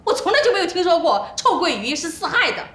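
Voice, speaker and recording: An actress playing a quick-tempered middle-aged mother who complains loudly and stubbornly in a TV drama. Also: very high voice, sing-song, echoey room, full character voice. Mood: indignant. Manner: loud, indignant complaining. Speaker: mother of a migrant family. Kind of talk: TV drama acting.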